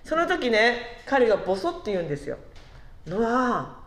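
Lively woman preaching in an echoey hall. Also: fairly high pitch. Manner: conversational, asks the listeners questions, slows down to stress words. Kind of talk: sermon to a congregation.

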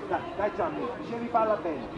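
A man coaches from the sideline of an outdoor pitch, his voice pitched very high as he calls out quick, repeated instructions to his players. The recording is dull and muffled, with a crowd clearly heard behind him. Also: animated. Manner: urgent, repetitive instructions. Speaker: youth football coach. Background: crowd noise.

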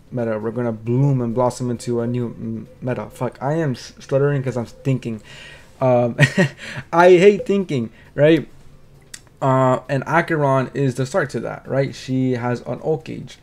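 A man's voice: mid-range voice, a little mellow. Rambling, stammering man talking about games. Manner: rambling, stuttering restarts, casual swearing, frequent "right?". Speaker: game commentary creator. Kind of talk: casual gaming commentary.

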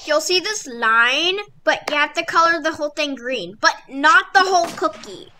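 A female gaming host giving excited, casual gameplay commentary and explaining things as she plays. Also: high-pitched, normal speed, a little hiss or hum.

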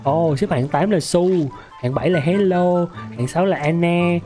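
A hoarse young man with a sore throat, excitedly commenting on a mobile game he is playing, yelping and repeating words. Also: on the high side, normal speed, soft background music. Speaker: gaming streamer.

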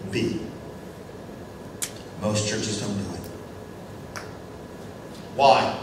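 In a fairly low-pitched voice, a man teaches about church mission, posing questions to the class and accepting brief replies. While telling stories he voices characters quickly. A distant mic in a very echoey room picks him up, with faint noise.

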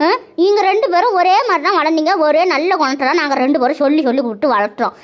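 A woman's voice: high-pitched, fast talker, close to an everyday voice. A woman voicing a bossy, nosy older village woman in a cartoon who scolds the son. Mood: scolding. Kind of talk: cartoon voice acting. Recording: dull lo-fi sound.

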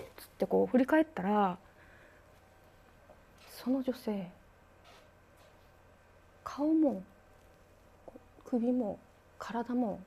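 Woman telling a creepy ghost story, husky mellow voice, dramatic hushes. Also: high-pitched. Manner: dramatic storyteller, sound effects, drops to hushes. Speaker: ghost story collector, guest.

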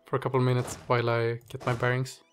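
Talking quickly in a completely flat, medium-pitched voice, this gaming channel host thinks aloud through casual strategy game commentary with plenty of fillers. He sounds stuffy-nosed and a little strained, and music plays underneath.

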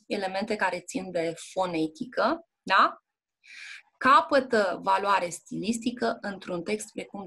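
Woman, literature teacher, breathy, mid-pitched, patient explaining, frequent check-ins, fillers. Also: pushed and bright. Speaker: Romanian language and literature teacher. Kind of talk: one-on-one exam prep lesson. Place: indoor classroom or tutoring room.

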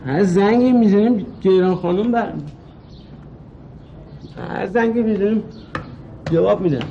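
Stubborn, grumbling high-voiced young man. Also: vocal fry, muffled recording, a little hiss or hum. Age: young adult. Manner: grumbling, stubborn, mutters to himself. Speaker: student roommate. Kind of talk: TV comedy drama acting.

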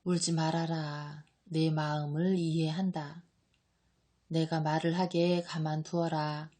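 A woman reading an audiobook, voicing a calm male teacher who speaks gravely and in a measured way. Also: on the low side. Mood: solemn.

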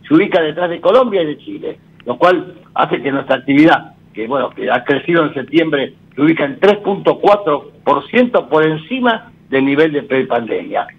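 A man's voice: fairly high pitch, big pitch swings, normal speed, few pauses, slightly rough, lo-fi sound. A man who co-hosts a radio show, commenting on economic news hesitantly, with many fillers. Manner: hesitant, frequent fillers and restarts. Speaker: radio co-host.

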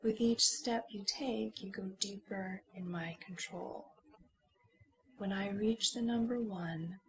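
A woman's voice: medium pitch, slow pace, poor audio. A woman playing a confident stage hypnotist who coaxes volunteers and the audience, mixing whispers with stage announcements in an ASMR roleplay. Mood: coaxing. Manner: teasing, coaxing, alternates whispers and stage calls. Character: confident female stage hypnotist, teasing showwoman.

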